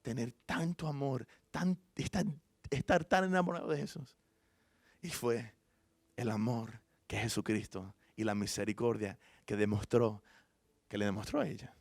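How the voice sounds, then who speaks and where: A man preaching a sermon as pastor. He tells the story with animation, swings between hushed and loud passages, and adds informal asides and self-corrections. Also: mid-range voice, normal speed, vocal fry, dry recording.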